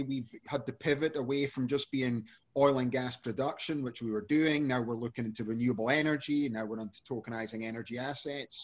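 A man from Scotland, a guest on a podcast, answering questions in a loose, chatty way with lots of fillers. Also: mid-range voice. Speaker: podcast guest, energy company CEO. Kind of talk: casual interview answers.

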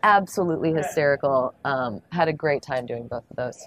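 A woman's voice: very deep voice, fairly quick, poor audio. A woman voice actress chatting in an upbeat, friendly way at a gaming convention, laughing easily as she answers questions. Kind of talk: casual interview chat.

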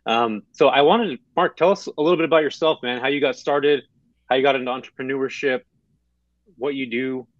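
A man's voice: medium pitch, fairly quick, dry recording, highs cut off. A man hosting a podcast, greeting and joking with his guest in a friendly way. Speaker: podcast host. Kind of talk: casual interview.

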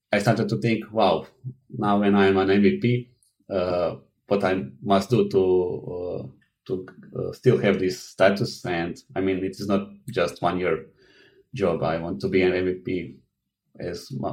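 Man, very deep voice, halting, lots of fillers, interview guest. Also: darkish tone, low-quality recording. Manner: halting, many fillers and restarts, non-native grammar. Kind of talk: interview answers.

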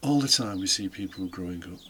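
A British deacon's low-pitched voice, fairly bright and slightly rough, runs a little fast as he explains things with conversational asides. The talk is an informal, reflective homily, partly scripted, for his homily podcast, with faint background noise behind it.

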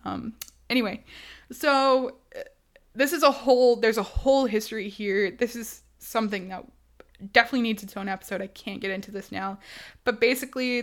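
A woman co-hosts a casual podcast, running through history at a fast, animated clip. Her voice sits at a middle pitch, and she talks with quick asides and restarts. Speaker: podcast co-host.

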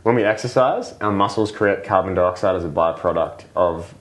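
A man with a fairly low voice talks as a guest on a podcast. He explains breathing and the body in a casual, patient way. He leans on fillers like "like" and keeps checking in with "right?". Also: normal speed, a bit bright. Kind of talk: casual explanatory interview talk.

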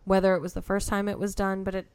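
A woman with a smooth, clear voice at a middle pitch talks casually as a podcast co-host. She sometimes feels her way toward a word with small fillers. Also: flat delivery, fast, a little mellow. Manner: searches for words with fillers. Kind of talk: casual film discussion.

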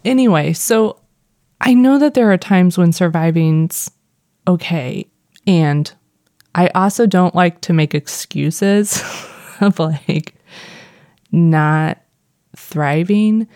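Low-voiced Missouri woman in casual podcast chat. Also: slow, long pauses, darkish tone, no room sound, clean studio sound. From Missouri, United States. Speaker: podcast co-host. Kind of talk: casual unscripted co-host chat.

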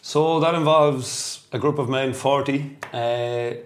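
A man's voice: medium pitch, fairly even intonation, takes it slowly, echoey room. A man, giving informal interview answers as a sports club guest. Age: 30s. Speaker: podcast guest, triathlon club member.

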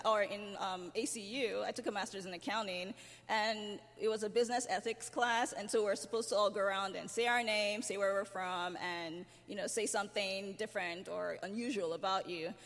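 A woman with a Nigerian accent telling her story of moving countries during a church service, lively and laughing often. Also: medium pitch. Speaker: church member interviewed in a sermon. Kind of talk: personal testimony in a church service. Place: church sanctuary. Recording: church hall reverb.

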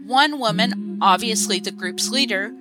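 A woman giving scripted documentary narration in a measured, even manner. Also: mid-range voice, low-quality recording. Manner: measured, reads quotes aloud. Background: music.

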